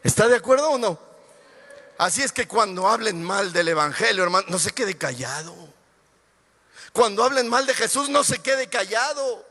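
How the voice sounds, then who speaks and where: Un pastor con acento mexicano que predica un sermón con énfasis y fervor creciente, en una iglesia. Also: male voice, sits high, lively intonation, moderate pace, sharp tone. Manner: emphatic, preaching with rising fervor. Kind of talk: sermon. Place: church sanctuary. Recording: reverberant church hall.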